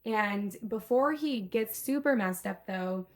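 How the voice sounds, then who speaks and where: A woman's voice: medium pitch, takes it slowly. A woman co-hosting a podcast, casually recapping a TV episode and acting out the characters' lines. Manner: recounts scenes, acts out quotes, swears casually. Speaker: podcast co-host.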